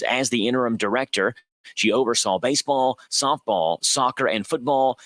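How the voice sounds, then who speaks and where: A man's voice: medium pitch, fairly bright tone, no echo. A man reading scripted local news as a radio reporter.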